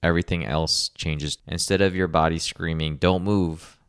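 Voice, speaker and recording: A man hosting a rehab podcast, speaking in a calm, measured coaching tone in a scripted monologue. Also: extremely low pitch, clean tone, no echo, clean studio sound. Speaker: podcast host, rehab clinician.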